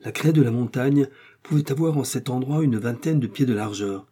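A man reading an adventure novel aloud, in steady, measured audiobook narration. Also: medium pitch, slightly rough. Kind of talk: scripted narration.

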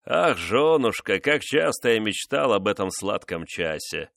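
A man voicing a cruel, vengeful nobleman who mocks his wife in a slow, menacing way. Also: on the low side, big pitch swings, gravelly, fairly bright tone, no room sound, clean studio sound, heavily acted. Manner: mocking, menacing, measured.

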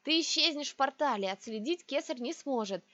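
A woman's voice: high voice, animated, fairly quick, dry recording, dull audio. Woman voicing a bold scheming young ruler. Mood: urgent. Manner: hushed, urgent.

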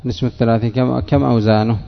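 A middle-aged man teaching a classroom grammar lesson, quizzing students by name and spelling out word patterns slowly. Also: mid-range voice, level tone, gravelly. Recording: dull lo-fi sound in a long-reverb hall.

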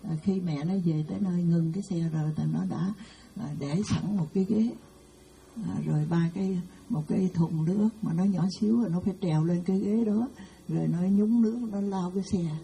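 Woman nun with a very mellow lowish voice. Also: brisk, gravelly, a little hiss or hum, poor audio. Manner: warm storytelling, frequent hesitant fillers. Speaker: Buddhist nun giving a dharma talk. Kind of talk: dharma talk with anecdotes.

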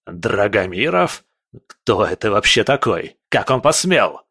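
A man's voice: fairly low pitch, very animated, a little slow, breathy edge, no echo, clean studio sound, heavily acted. A man voicing a furious tyrant prince. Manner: yelling, indignant outbursts.

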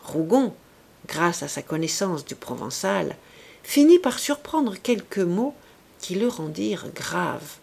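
A woman narrating a classic novel as an audiobook in a measured, expressive reading. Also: on the low side, gravelly, breathy edge. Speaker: audiobook reader.

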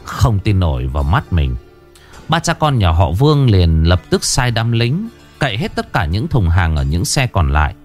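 A man narrating a historical folk tale in a steady, expressive storytelling voice. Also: deep voice, normal speed, faint music behind.

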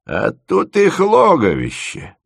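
A man's voice: lowish voice, very animated, creaky, no room sound, studio quality, exaggerated voice. A man doing a crafty old village fisherman. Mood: drawling, folksy. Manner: folksy, drawling, slow.

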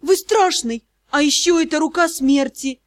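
Brief: woman as a scared young student girl, high, flustered, pleading. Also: normal speed, lightly acted. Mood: frightened.

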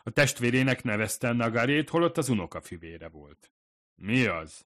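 A man narrating an audiobook in a calm, even storytelling manner. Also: mid-range voice. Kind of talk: scripted narration.

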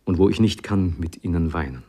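A devoted young manservant pledges his loyalty with tearful fervor, read by a man. The voice stays low and earnest. It is a storybook reading. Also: a little fast, dark tone.

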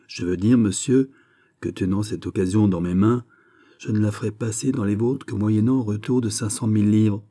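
A man's voice: on the low side, steady tone, normal speed, warm tone. A man reading a haughty scheming duchess. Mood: sly. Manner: teasing, haughty bargaining tone. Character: scheming older duchess bargaining, haughty and mocking. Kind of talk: audiobook character reading.

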